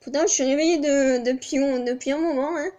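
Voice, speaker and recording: Chatty high-voiced southern French woman. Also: a little fast, darkish tone. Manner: chatty, rambling, self-mocking with frequent laughs. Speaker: vlogger. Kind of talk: casual vlog chat.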